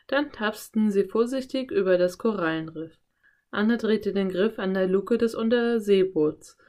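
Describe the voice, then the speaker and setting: A woman narrating a children's audiobook in a calm, clear storytelling voice. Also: mid-range voice, a little slow.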